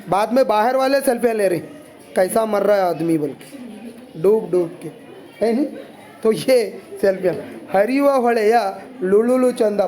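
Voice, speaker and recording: High-voiced man, teaching. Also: dark tone. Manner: chatty, explains line by line with asides. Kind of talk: explaining a poem to students.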